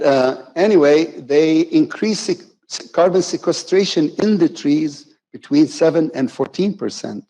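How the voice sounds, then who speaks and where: Mellow-voiced man giving a playful keynote. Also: medium pitch, rough recording. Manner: conversational and playful, with self-corrections. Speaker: conference keynote speaker. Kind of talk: conference keynote talk. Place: conference hall.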